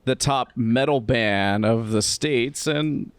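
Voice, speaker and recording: A man's voice: mid-range voice, takes it slowly, clean tone, dry recording. A man hosting a podcast, chatting casually, joking and asking follow-up questions. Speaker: podcast host. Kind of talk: casual interview chat.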